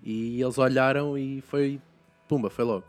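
A man's voice: mid-range voice, steady tone, normal speed, soft background music. A young man with a European Portuguese accent, chatting casually as a podcast host and rambling with many restarts. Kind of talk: casual chat.

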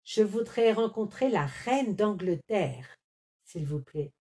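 A wide-eyed young wolf, as a woman reads him, bursting into exclamations with a very lively, swooping voice. He is naive, easily amazed and easily scared, a storybook hero abroad. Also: mid-range voice, slow, slightly rough. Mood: polite.

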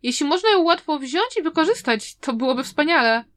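A chatty young student from a storybook, envious of others and wistful about his own weak talent, as a woman reader plays him. He speaks in a high, light voice with a gossipy lilt. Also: big pitch swings, fairly quick, fairly bright tone. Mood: wistful musing. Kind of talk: audiobook character reading.

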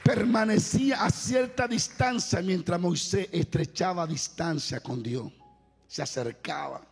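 A man preaching a sermon in a large church hall, telling stories with passion and rising to loud exclamations. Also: high-pitched, measured pace, creaky, husky. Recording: reverberant hall with faint music.

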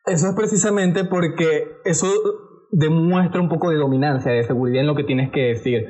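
Animated Venezuelan man, fairly high voice. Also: fairly quick. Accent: Venezuelan Spanish. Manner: animated storyteller who acts out other people's voices. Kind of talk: casual chat.

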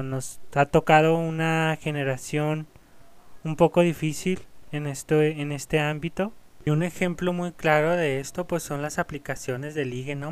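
A man's voice: on the high side, clear, resonant tone. A man in his twenties hosting a motivational podcast, talking earnestly and encouragingly straight to his listeners. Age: 20s. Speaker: podcast host.

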